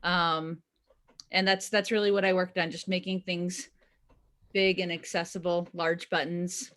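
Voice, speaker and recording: Casual woman presenter with a lowish voice. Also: level tone, unhurried, a bit bright. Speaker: designer presenting project work. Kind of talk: informal demo presentation.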